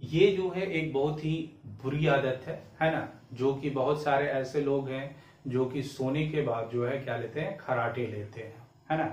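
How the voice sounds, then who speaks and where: A man teaching English vocabulary in Hindi, asking "clear?" after each point and spelling words out letter by letter. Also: mid-range voice, a little slow, darkish tone, recorded from a distance. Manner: repetitive quizzing, asks "clear?" often; spells words letter by letter, drawls example sentences. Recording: echoey room, away from the mic.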